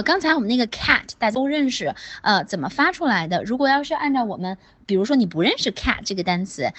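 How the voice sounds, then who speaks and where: Pronunciation teacher, woman, mid pitch, dry close sound, slow drilled vowels, encouraging. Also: a bit bright, no echo. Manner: drawn-out vowel demonstrations, repeats words slowly; encouraging praise. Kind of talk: online class instruction.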